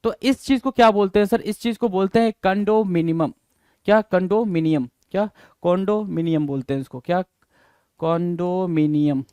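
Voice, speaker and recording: A man's voice: high voice, normal speed, darkish tone, clean tone, no echo, studio quality. A man teaching exam vocabulary in a chatty mix of Hindi and English, repeating each word and asking his students questions. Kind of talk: Hindi-English classroom explanation.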